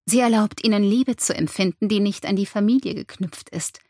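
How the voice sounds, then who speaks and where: A woman reading an audiobook, voicing a solemn male mystic who speaks quietly and emphatically. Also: mid-range voice, fairly quick, no echo, lightly acted. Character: solemn male seer-like being, quiet and insistent.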